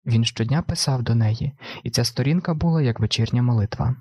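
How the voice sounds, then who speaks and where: Husky man reading an audiobook. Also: mid-range voice, a little fast, a little mellow, no echo. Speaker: audiobook reader. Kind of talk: literary audiobook narration.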